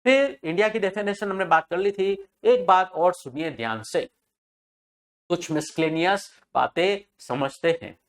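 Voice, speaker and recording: A man's voice: sits high, lively intonation, unhurried. Man lecturing on tax, repeating key points. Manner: asks rhetorical questions and answers them, repeats key terms. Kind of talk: classroom lecture.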